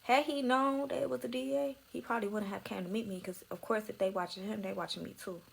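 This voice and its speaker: Gravelly young woman telling her story. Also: mid-range voice, steady tone, quick pace. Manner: candid, profane, emotional, drops to soft near-whispers. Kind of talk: emotional personal storytelling.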